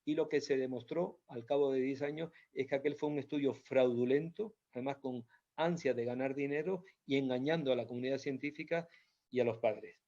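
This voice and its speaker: A man speaks as a doctor giving an informal health talk, walking through slides with patient explanations. He repeats key points and hesitates often. His mid-pitched voice comes through a dull, lo-fi recording. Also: steady tone, brisk, dark tone. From Spain. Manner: explanatory, repetitive, many hesitations. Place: Canary Islands. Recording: dull lo-fi sound.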